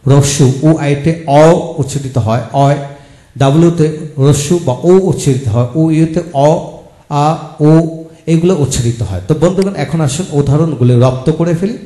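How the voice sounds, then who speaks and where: A man giving a video lesson on English pronunciation, calmly addressing viewers as friends and repeating each example word slowly while spelling out its letters. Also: fairly high pitch, roomy sound. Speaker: English teacher. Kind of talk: video lecture.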